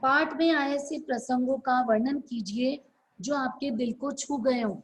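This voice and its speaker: A woman teacher dictating answers to her class over a video call. Her voice sits high and she speaks slowly, repeating each phrase so students can write it down. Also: a little hiss or hum, low-quality recording. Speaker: school teacher.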